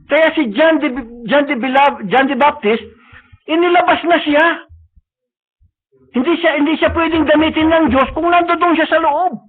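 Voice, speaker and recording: Male preacher, very high voice, bilingual sermon delivery, tinny phone-like stream audio. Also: normal speed. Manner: mixes Tagalog and English, frequent tag questions. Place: church service.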